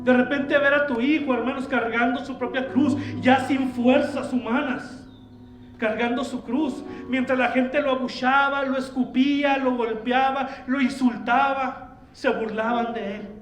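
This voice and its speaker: A male pastor preaches with passion, speaking straight to his congregation. His voice sits very high and rings around a roomy church. A faint musical instrument plays beneath him. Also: fairly even intonation, unhurried, a bit bright, soft background music. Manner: impassioned, addressing the congregation directly. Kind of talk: sermon.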